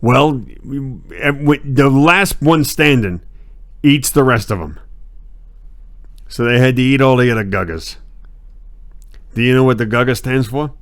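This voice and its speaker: A man co-hosting a comedy stream, telling rambling absurd stories in a deadpan way. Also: mid-range voice, measured pace, pauses often, no echo, clean studio sound. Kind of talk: improvised comedy banter.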